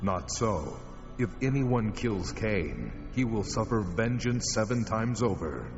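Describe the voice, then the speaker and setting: A commanding God of dramatized scripture, solemn and measured in judgment. The deep male voice rings in a long reverb, over loud music. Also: expressive. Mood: stern warning. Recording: long cavernous reverb, dull band-limited sound.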